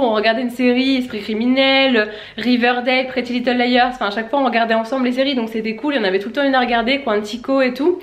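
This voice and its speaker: A young woman chatting casually to camera at home in a family vlog, rambling and breezy with lots of fillers. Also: on the high side. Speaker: family vlogger. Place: at home, indoors.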